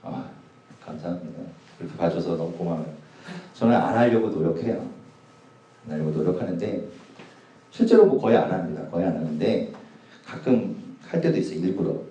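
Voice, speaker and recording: A man's voice: deep voice, lively intonation, moderate pace, warm tone, heavy reverb, far from the mic, low-quality recording. A man in his forties, a youth pastor, preaching to a young congregation in a casual, humorous storytelling way. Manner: casual, humorous anecdotes told to a youth group. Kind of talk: sermon storytelling. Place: church hall.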